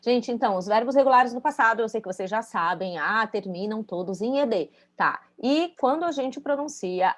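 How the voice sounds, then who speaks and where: A woman teaching English pronunciation in a casual spoken lesson, speaking, explaining patiently and checking in with her students as she demonstrates sounds. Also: mid-range voice.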